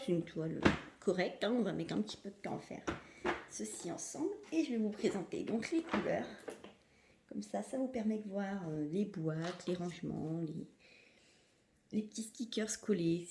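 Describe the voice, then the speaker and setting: A woman chatting enthusiastically in a casual unboxing vlog, sometimes slipping into a soft half-whisper and moving away from the mic. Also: mid-range voice, vocal fry, echoey room, noisy background. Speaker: crafting vlogger.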